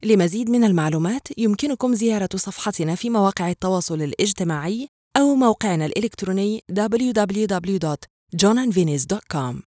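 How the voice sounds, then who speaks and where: A woman reading scripted phone menu prompts in a polite, formal, clearly enunciated way. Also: medium pitch, animated, racing, a little mellow, dry recording, clean studio sound. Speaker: phone system voice prompt announcer.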